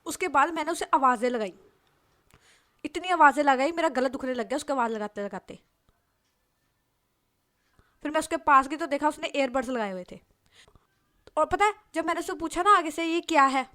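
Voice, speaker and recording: Woman playing a fed up young woman ranting loud and high about a rude coworker. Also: expressive, moderate pace, pauses often. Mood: exasperated. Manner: loud, exasperated complaining.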